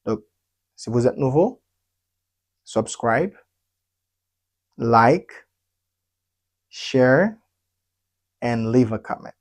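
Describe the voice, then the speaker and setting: A man gives a bilingual English lesson at an unhurried, measured pace, drilling each phrase several times. His voice sits at an ordinary middle pitch, and he keeps checking in with his learners. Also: animated. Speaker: English teacher.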